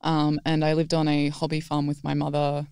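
A woman's voice: deep voice, monotone, normal speed, vocal fry, mellow, clean tone, no echo, clean studio sound. A young woman, a podcast guest, chatty, laughing easily and using many ums. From Australia. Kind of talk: casual podcast chat.

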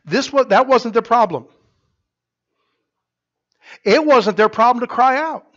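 A middle-aged pastor preaching a sermon, telling the story with lively acted-out voices that swing from quiet asides to loud cries. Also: male voice, very high voice, measured pace, lo-fi sound. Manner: animated storytelling, acting out voices and rising to shouts. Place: church sanctuary.

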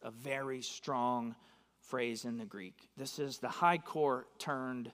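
This pastor, a man from West Texas, preaches slowly in a mid-range, fairly bright voice. He talks conversationally and keeps checking in with his listeners inside a church sanctuary with long hall reverb.

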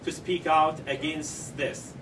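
At a press conference, a middle-aged Syrian parent sits at a conference-room table, delivers a prepared statement and then answers questions. He speaks in a level tone, slightly high-pitched, halting with many ums and non-native grammar. A far camera picks up the table microphones, giving a distant sound with clear background noise.

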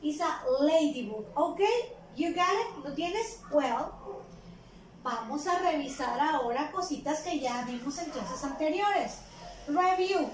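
A woman with a Mexican accent teaching small children English words, repeating each one slowly and translating it into Spanish. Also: high-pitched, lively intonation. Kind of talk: bilingual vocabulary lesson for small children. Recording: echoey room from far off, faint noise.

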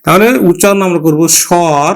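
Guy teaching a grammar lesson, kinda high voice, stretches out example words slow and talks right to the students. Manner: addresses students directly, explaining step by step.

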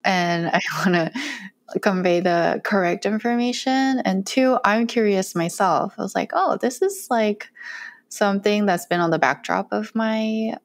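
A young Korean woman, a cooking content creator, chats as an interview guest, laughing often, in her medium-pitched, unhurried voice. She's recorded indoors in a small bright room at home on a close studio mic, wearing earphones.

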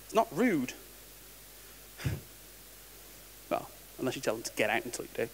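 With a medium, sing-song voice at a moderate pace, a man gives a casual, wry technical presentation to a conference, often restarting words. The large hall makes the audio reverberant, with a faint hiss underneath.

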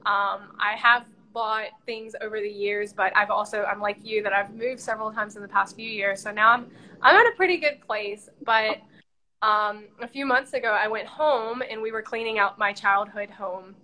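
A woman's voice: mid-range voice, steady tone, normal speed, pushed and bright, rough recording. A woman from the United States interviewing a guest over a video call, chatting and telling a personal story at home. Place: indoors at home.

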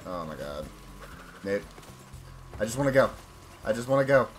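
A young man casually commenting while he plays a video game, swinging between loud excited yelps and low frustrated muttering. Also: normal speed, soft background music. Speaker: gaming channel host. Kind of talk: live let's-play commentary.

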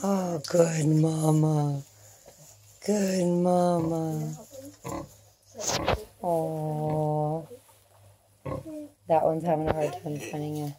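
Low-voiced woman narrating her farm. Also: level tone, extremely slow, pauses often, background noise. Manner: chatty, gentle with the animals. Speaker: homesteader filming family farm. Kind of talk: casual narrated farm vlog. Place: outdoors on a farm, in a small livestock shelter.

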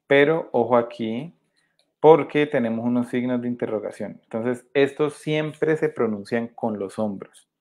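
A man's voice: mid-range voice, darkish tone. A man with a Colombian Spanish accent teaching a live virtual sign language workshop, explaining patiently and often checking for understanding, recorded on a webcam indoors.

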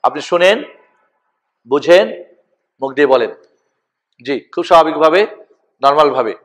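A man teaching a lesson, slowly calling out each letter name for listeners to repeat. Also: fairly high pitch. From Bangladesh. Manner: slow, deliberate, spells out each letter name for repetition. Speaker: Quran teacher. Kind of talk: recitation lesson with call-and-repeat.

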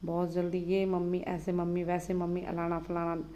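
A woman in her thirties, a mother, narrating her busy morning in a casual daily vlog, chatty and hurried. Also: fairly low pitch, completely flat delivery, mellow. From Uttarakhand, India. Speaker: vlogger, mother of two.

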